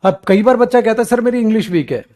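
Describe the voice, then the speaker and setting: Speaking fast, a man teaches English grammar to government-exam aspirants, explaining in Hindi around English examples. He alternates fond scolding and coaxing, addresses students as beta, and imitates their whining in a weak, low voice, all with lively energy.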